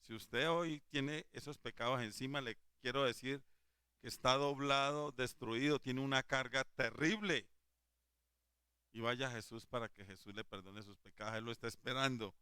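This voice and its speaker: A man delivers a Sunday sermon in a bright, forceful voice that rings smooth and clear. He swings from fervent, emphatic exhortation to hushed tenderness when quoting Jesus. The sound is dry and close, with no room around it. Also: medium pitch, normal speed, dry recording. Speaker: lay preacher.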